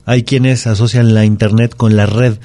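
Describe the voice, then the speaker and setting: A man with a low, mellow voice explains spelling and grammar on a radio show. He is patient and methodical, building each point up with examples. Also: normal speed. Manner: calm, patient, explains rules step by step with examples. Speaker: language expert guest.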